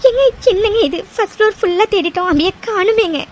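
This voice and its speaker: A woman's voice: extremely high pitch, fast, a little hiss or hum. A woman voicing a frightened mother in a cartoon, pleading and calling out to God. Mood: tearful. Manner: pleading, repeats cries to God. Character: anxious mother, frightened for a missing girl. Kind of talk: cartoon dub dialogue.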